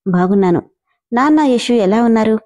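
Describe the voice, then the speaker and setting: Brief: a woman reading as a timid young wife, soft and pleading, mellow tone, storybook reading. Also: on the high side, animated, normal speed, close to an everyday voice. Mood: anxious.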